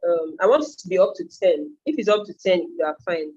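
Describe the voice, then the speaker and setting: With a lowish, warm voice that has a breathy edge, a Nigerian-accented woman who trains online freelancers moves a little fast through a casual step-by-step tutorial. She is a native Yoruba speaker, her intonation is lively, and she thinks aloud as she explains; the highs are cut off.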